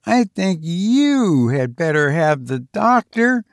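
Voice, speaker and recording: A man reading aloud, voicing a blunt, sharp-tongued older village woman. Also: high voice, animated, slow pace, dry recording, clean studio sound, exaggerated voice. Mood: pointed. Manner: blunt, pointed.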